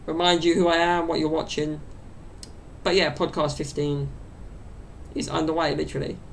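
Slight background noise runs under a young man's solo podcast, recorded in his small bedroom on a desk mic set to the side. He's in his twenties, with a high, gravelly voice that shows little pitch movement at a moderate pace. He chats and meanders, leaning heavily on fillers.

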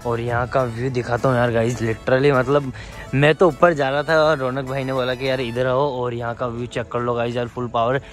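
An excitable young man, riding and walking through a lit park at night. He talks in an easygoing, chatty vlog way, throwing in the same catchphrases again and again. The sound comes from a small clip-on mic under his helmet, with faint music behind. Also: medium pitch, fairly quick. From India. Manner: excitable, repeats "full power" and "yaar". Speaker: motovlogger. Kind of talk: casual vlog narration.

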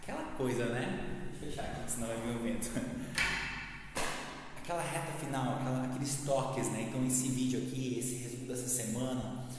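A man's voice: mid-range voice, fairly quick, background noise. A man casually showing his apartment renovation to viewers, laughing often, while his voice echoes strongly in a bare, empty room. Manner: chatty, laughs often, addresses viewers as friends. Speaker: vlogger. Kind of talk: casual home-renovation vlog.

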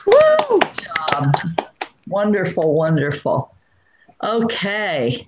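A woman's voice: mid-range voice, expressive, takes it slowly. A woman hosting an online award ceremony and introducing awardees, chatty, with playful asides. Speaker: awards presenter. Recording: dull roomy video-call audio with faint noise.

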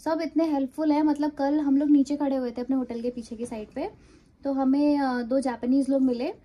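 A young woman talks to her phone at arm's length, telling travel stories in a chatty, laughing way. Her voice sits high yet sounds mellow and soft. She speaks casually, as if to a friend. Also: fairly even intonation, brisk. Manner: chatty storytelling, laughs often. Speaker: travel vlogger. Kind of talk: casual vlog chat to camera. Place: car at night, then hotel room. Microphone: phone camera at arm's length.

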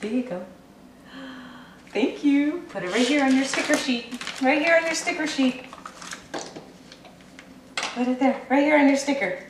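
This home video catches a mother with a voice that sits high, speaking a little slowly with long pauses as she coaxes her toddler through letters. Her tone is sing-song and encouraging; the camcorder's built-in mic records indoors, with room echo and a faint hiss.

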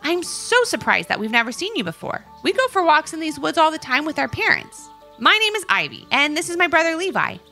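A woman doing an excited little girl. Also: sits high, fairly quick, few pauses, soft background music, pitched above the performer's own voice, heavily acted. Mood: friendly. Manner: bubbly, exclamatory. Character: excited young girl, cheerful and eager.

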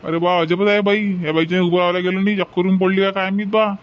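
A man's voice: high voice, level tone, quick pace, lo-fi sound, close to an everyday voice. A man voicing a cheeky young male student troublemaker with a Varhadi Marathi accent, brash and argumentative. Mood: defiant. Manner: defiant, whining when caught.

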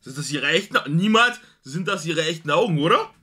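Lebhafter Mann, große Sprünge in der Tonhöhe. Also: male voice, fairly high pitch, expressive, fairly quick, pushed and bright. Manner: slangy, exclamatory. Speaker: reaction video host. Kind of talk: casual reaction commentary. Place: small wood-panelled room, indoors. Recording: clear background noise.

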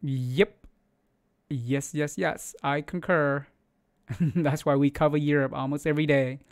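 Speaking English as a second language, this forties-aged man comments casually on market news over a screen share, close-miked in a home studio. His voice runs on the high side, steady and a little slow, with many fillers and restarts.

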